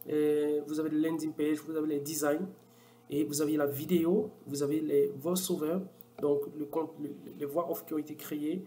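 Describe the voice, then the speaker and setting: A man walking viewers through a software tool in a casual screen-recorded tutorial, with many fillers and restarts. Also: fairly high pitch, level tone, moderate pace. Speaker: software demo presenter.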